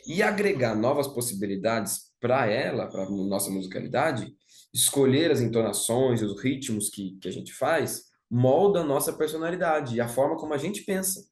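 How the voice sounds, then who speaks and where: A man's voice: mid-range voice, animated, normal speed, darkish tone. A young man with a Brazilian Portuguese accent delivers a thoughtful talk, circling back with "né?" as he restarts his phrases. His voice sits in the middle range. It carries a noticeably roomy echo. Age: young adult. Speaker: speaker giving a talk on music. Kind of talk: reflective spoken lecture.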